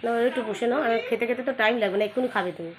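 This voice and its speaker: A woman's voice: a little high, very fast. A woman, chatting with her family at home in a casual vlog, teasing and scolding. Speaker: family vlogger.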